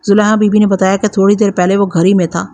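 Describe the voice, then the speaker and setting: A woman storyteller giving a scripted narration of a crime story in a steady, even reading voice. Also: mid-range voice, a little hiss or hum.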